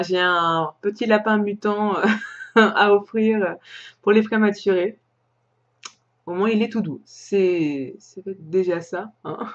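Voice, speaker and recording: A woman from France hosting a crafting podcast, chatting casually and hesitantly with plenty of pauses and restarts. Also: mid-range voice, dull audio. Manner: hesitant, many fillers and restarts, chatty with light laughs. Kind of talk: casual show-and-tell chat.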